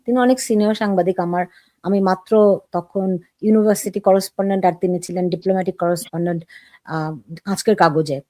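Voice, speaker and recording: A woman's voice: medium pitch, fairly even intonation, fairly quick, dark tone, dry recording, studio quality. A woman from Bangladesh hosting a political talk show, asking probing, personal questions of her guest.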